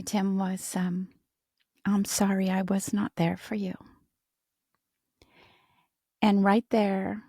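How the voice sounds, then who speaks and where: A woman co-hosting a podcast, speaking warmly of faith and family in a soft, often whispery voice. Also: medium pitch, gravelly, slightly rough, no echo, clean studio sound. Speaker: podcast co-host. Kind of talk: casual heartfelt conversation.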